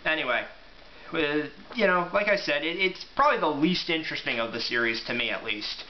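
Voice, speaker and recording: This amateur book reviewer has a fairly high, expressive voice and a brisk pace. He chats informally and reads from a book in a loose, offhand manner. The audio is muffled, with room echo and a light hiss.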